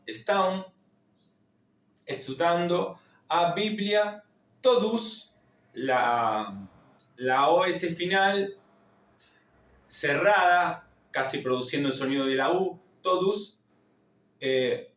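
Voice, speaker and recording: A man with an Argentine accent teaching a language lesson, repeating each word slowly to drill its pronunciation. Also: high-pitched, fairly bright tone, echoey room, far from the mic. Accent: Argentine Spanish. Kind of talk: slow spoken lesson.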